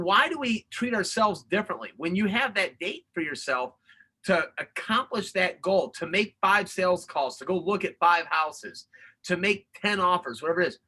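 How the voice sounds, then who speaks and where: A man hosting an online talk, breaking in with takeaways and rhetorical questions in an energetic, preachy way. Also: high voice, slightly rough. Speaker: host. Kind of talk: webinar talk, interjecting takeaways.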